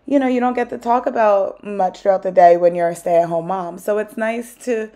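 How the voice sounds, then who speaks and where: A mid-range, dark-toned female voice at a moderate pace belongs to a vlogger in her thirties, an American-accented stay-at-home mom from South Jersey. In her home cleaning vlog she's chatty and encouraging with viewers, saying "like" a lot, first from a parked car and then inside her home.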